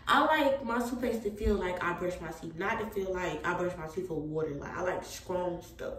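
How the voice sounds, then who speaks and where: A woman's voice: fairly low pitch, normal speed, fairly bright tone, echoey room, recorded from a distance, a little hiss or hum, low-quality recording. A young woman vlogging at home in a casual, chatty way, tired and a little out of breath. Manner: laid-back, chatty, Southern US slang. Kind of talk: casual chat to camera.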